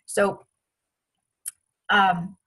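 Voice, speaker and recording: A woman from France, a guest in an interview, telling personal stories in a chatty, animated way with many restarts. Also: mid-range voice, very slow, slightly rough. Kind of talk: casual interview storytelling.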